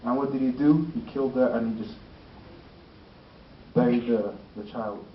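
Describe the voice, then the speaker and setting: A man's voice: mid-range voice, fairly even intonation, normal speed. A man telling a story in a sermon, using lots of fillers and rhetorical questions. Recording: roomy, distant, dull lo-fi with faint noise.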